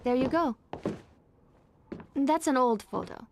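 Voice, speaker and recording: A woman's voice: high-pitched, animated, slow pace, gravelly, background noise, heavily acted. An actress playing a sardonic young woman who breaks rules playfully, speaking in a wry, teasing way in a video game. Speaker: former student guiding a stranger.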